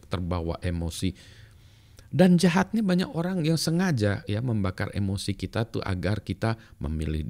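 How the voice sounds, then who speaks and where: A man's voice: fairly low pitch, a little mellow. A middle-aged man giving life advice in a casual, reflective monologue, chatty with many fillers, slipping in English phrases and chuckling often.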